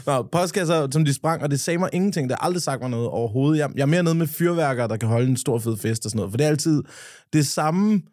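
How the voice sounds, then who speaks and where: A man's voice: a little high, darkish tone, dry recording. Blunt joking man, dry close sound. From Denmark. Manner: quick reactions, blunt and joking. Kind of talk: casual podcast chat.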